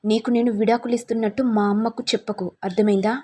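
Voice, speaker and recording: A woman's voice: a little high, flat delivery, rapid-fire, warm tone, breathy edge. A woman voicing an angry young husband who taunts and accuses his wife. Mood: taunting.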